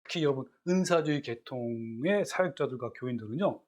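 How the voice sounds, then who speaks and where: A man's voice: medium pitch, lively intonation, brisk. A man preaching a sermon as a pastor, asking his listeners questions and acting out quoted scripture.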